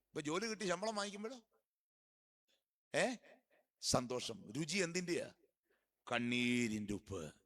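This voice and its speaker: A male preacher with a high, ringing voice gives a church sermon during a feast. He fires off question after question to his listeners and answers each one himself. He drops to quiet, intimate murmurs and then rises to loud, urgent appeals. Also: big pitch swings. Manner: quizzes the congregation with rapid questions and answers them himself; swings from soft murmurs to loud exhortation.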